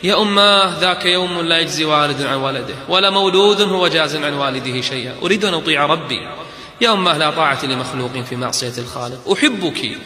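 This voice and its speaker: A man's voice: fairly high pitch, animated, quick pace, pushed and bright. A man voicing a devout teenage girl who earnestly pleads with her parents, as he retells her story. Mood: pleading. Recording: echoey hall with long reverb.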